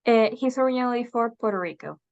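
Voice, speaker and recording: A young woman from Venezuela, a guest in a video interview, answering thoughtfully with hesitant filler pauses. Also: fairly high pitch, expressive, darkish tone. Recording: slightly dull lo-fi sound.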